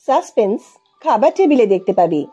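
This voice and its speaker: A wry young wife in an audio storybook, as a woman narrator puts her on, snapping back with dry, sharp retorts. Her voice is fairly high, mellow and breathy. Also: big pitch swings, moderate pace, lo-fi sound, soft background music. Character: quick-witted young wife, proud mother.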